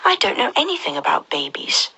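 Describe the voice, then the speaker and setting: A woman voicing Alice, a polite and bewildered young girl, in a high, prim girlish voice for a storybook reading. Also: wildly swooping pitch, brisk, gravelly, pushed and bright, husky, full character voice, rough recording. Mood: puzzled.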